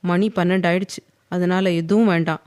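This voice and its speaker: A woman's voice: lowish voice, fairly even intonation, fairly quick, darkish tone, natural voice. A woman voicing a stern, teasing, possessive young husband in an audio novel, reading his lines firmly. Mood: firm, tender.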